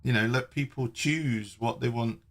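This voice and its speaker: A man chatting casually on a live stream, relaxed and hesitant with lots of ums. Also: medium pitch, moderate pace.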